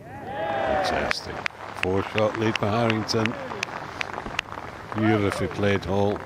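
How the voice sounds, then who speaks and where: A man's voice: fairly low pitch, level tone, takes it slowly, a loud crowd. A man giving live golf commentary in short phrases. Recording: loud outdoor background noise.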